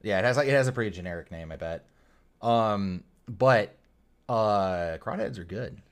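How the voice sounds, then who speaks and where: A man's voice: on the low side, animated, moderate pace, smooth. A man co-hosting a podcast, rambling in casual chat with lots of fillers and casual swearing. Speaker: podcast co-host.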